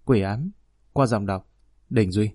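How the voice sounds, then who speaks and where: Measured male audiobook narrator. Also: lowish voice, slightly rough, no room sound. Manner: steady, measured storytelling. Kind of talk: scripted narration.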